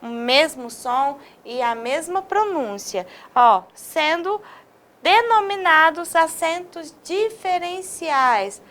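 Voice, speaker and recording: A woman's voice: high-pitched, animated, a bit bright. A woman from Brazil teaching an online video lesson, drawing out example words and often checking in with her listeners. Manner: slow, stresses syllables, drawn-out example words.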